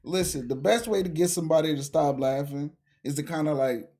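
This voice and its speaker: Chill cohost, middle pitch, slangy, easygoing and rambly. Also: a little fast, dark tone. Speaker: podcast co-host. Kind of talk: casual chat.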